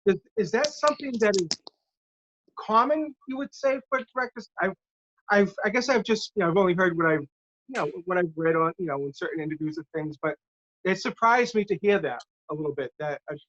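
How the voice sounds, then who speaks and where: A man's voice: sits high, brisk, a bit bright, highs cut off. A male host asking a guest questions, hesitant and rephrasing as he goes. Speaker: host, interviewer. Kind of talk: interview questions.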